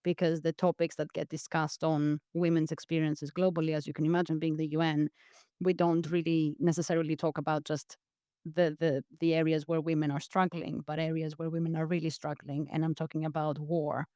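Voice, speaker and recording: As an earnest guest on a podcast, this woman from Greece reflects aloud, frequently repeating words as she begins thoughts again. She has a low, smooth, resonant voice with a warm tone, a flat delivery, and a slightly fast pace, recorded close and dry without any room sound or echo.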